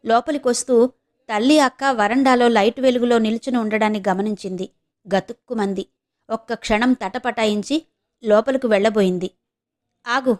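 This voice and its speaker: Woman narrator, audio novel, steady storytelling, fairly high voice. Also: moderate pace. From Visakhapatnam, India. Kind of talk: novel reading.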